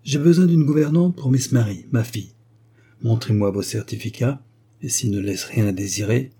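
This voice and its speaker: A man's voice: medium pitch, moderate pace, warm tone, breathy edge. A man reading as a stern rich American father. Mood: stern questioning. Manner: commanding, imperious questioning. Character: stern wealthy American father, later kindly.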